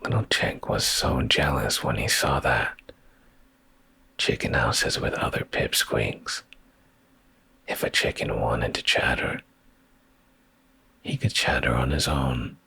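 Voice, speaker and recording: A man softly reads a bedtime story for ASMR, close-miked, in a deep, gravelly, breathy voice that slips into whispers often. He is drowsy and soothing, slow, and pauses frequently, with no room sound.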